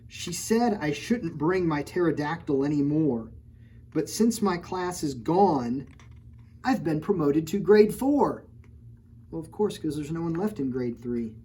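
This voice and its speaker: Reading a picture book at storytime, this children's librarian speaks low with lively intonation and a warm, mellow tone. She teases playfully, often stopping to joke with the children and draw attention to the illustrations, while faint background noise lingers.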